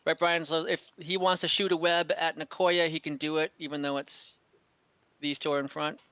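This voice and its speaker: The recording, muffled and echoing in a room, captures a game master on an online voice call running a tabletop game. He improvises narration and often hesitates while thinking aloud, in a mid-range, clear and resonant voice that is pushed and bright, with little pitch movement and a moderate pace.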